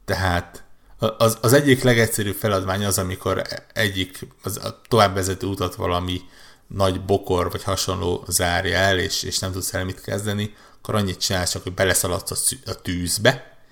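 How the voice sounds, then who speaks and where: On a podcast, a male co-host talks about video games in a casual, rambling way, full of restarts and repeated words. He sounds low-pitched and flat, with vocal fry and a slightly bright tone.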